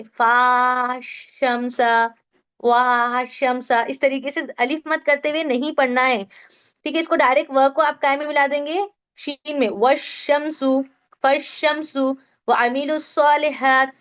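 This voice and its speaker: A woman's voice: high-pitched, lo-fi sound. A woman teaching a Quran recitation class online, explaining rules patiently step by step and quizzing her students. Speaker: tajweed teacher.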